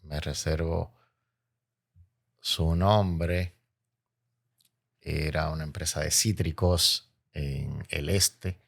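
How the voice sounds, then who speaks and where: A man with a Caribbean Spanish accent from the Dominican Republic speaks in a very low, creaky voice. He explains his points in an interview with oratorical emphasis, repeating key phrases. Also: steady tone, very slow, pauses often. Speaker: interview guest, logistics expert.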